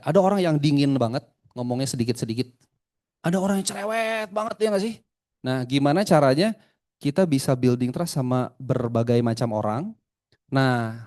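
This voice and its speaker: Animated male sales trainer. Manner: animated, with big swings in pitch and loudness; keeps asking the audience questions. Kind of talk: live training seminar talk.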